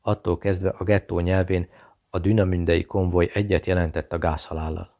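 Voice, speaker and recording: A man reading a novel aloud as an audiobook narrator, in a steady, measured delivery. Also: low-pitched, dull audio.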